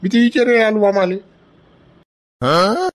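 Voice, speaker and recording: A man plays a hot-headed young farmer from a village. His voice sits a little high, and his words come loud, fast and quarrelsome. He keeps pushing with a challenging "huh?". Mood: aggrieved. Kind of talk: village comedy skit.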